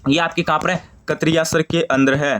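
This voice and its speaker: A young man from Rajasthan, teaching an online exam-prep lesson and drilling questions and answers rapidly, repeating each answer. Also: on the high side, flat delivery, a bit bright. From Shekhawati, Rajasthan.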